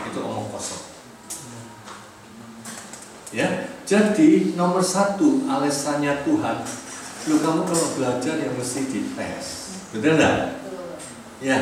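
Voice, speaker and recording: A man preaching a sermon, lively and often putting questions to his listeners. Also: medium pitch. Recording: echoey hall from far off, noisy.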